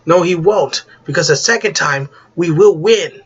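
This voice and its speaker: A man's voice: fairly high pitch, measured pace, slightly rough, dull audio. A man doing Greed, an anxious young hero. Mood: urgent. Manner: urgent, pleading.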